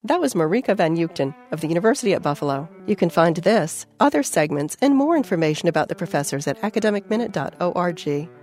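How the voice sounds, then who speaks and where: Brisk woman introducing a radio segment. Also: lowish voice, big pitch swings, darkish tone, soft background music. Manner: brisk, formal. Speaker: segment host, college association president.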